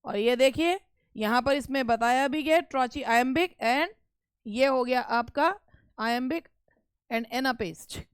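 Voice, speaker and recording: A woman's voice: high voice, takes it slowly, clean tone, no echo, studio quality. A woman teacher giving an online exam-prep lesson, explaining step by step and stretching words to show their stress.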